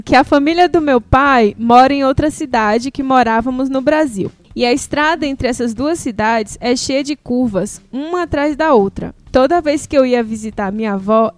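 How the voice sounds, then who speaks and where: Brazilian woman, podcast co-host, chatty and a bit high-voiced, reads listener stories. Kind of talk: casual chat, reading a listener's story.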